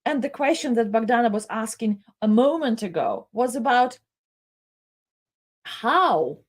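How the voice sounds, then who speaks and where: Woman presenter, kinda high voice, slow and emotional, keeps stopping and repeating herself. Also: animated. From Soviet Union. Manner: emotional, halting, repeats words. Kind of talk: impassioned live commentary.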